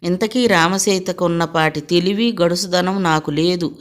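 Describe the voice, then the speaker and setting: A woman voicing a proud married daughter who speaks sharply and indignantly in a lowish voice. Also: steady tone, moderate pace, close to an everyday voice. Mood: resentful.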